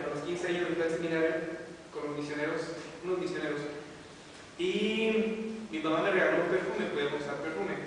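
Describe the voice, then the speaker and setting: A man teaching a class, telling stories and asking his listeners questions. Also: sits high. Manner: storytelling, asks the audience questions. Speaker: religious teacher. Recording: echoey hall, mic far off, hiss.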